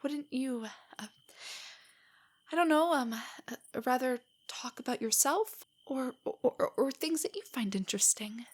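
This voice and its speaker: A woman acts out an intimate roleplay audio drama as a shy, nervous, nerdy young girlfriend who is self-doubting and affectionate. Her voice sits high and is soft and breathy, often whispery, and she speaks a little slowly. She sounds shy and hesitant, stammering and rambling.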